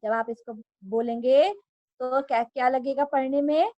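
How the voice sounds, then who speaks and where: A woman teacher explaining grammar to children, patient and repeating each word slowly for them to copy. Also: high voice, steady tone, darkish tone, dry recording, highs cut off. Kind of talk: Hindi grammar lesson for children.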